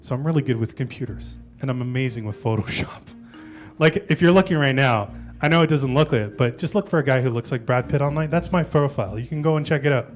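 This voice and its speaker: A stand-up comedian in his forties talks in a loose, chatty way, moving between interview answers and bits from his set. His voice is mid-pitched for a man, and he often ends a thought with "right?". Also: fast talker, soft background music. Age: 40s. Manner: chatty, tags lines with "right?".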